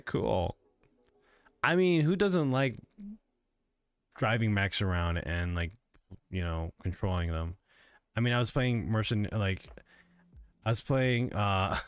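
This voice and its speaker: Yawning and tired, a man streams from his home gaming rig and chats loosely with his audience, rambling with plenty of fillers. His voice is lowish and smooth, with no echo.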